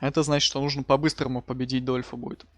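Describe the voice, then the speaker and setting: A man's voice: medium pitch, level tone, quick pace, no room sound. Casual man streamer with dry, close sound. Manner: informal, colloquial, slangy. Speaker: live streamer hosting a wrestling game stream. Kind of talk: casual gaming stream commentary.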